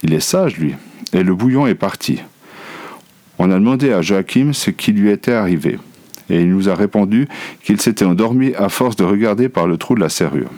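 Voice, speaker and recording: A man's voice: on the low side, expressive, fairly quick, dark tone, no echo. A man reading a children's story aloud, narrating in the first person as a schoolboy. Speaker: audiobook reader.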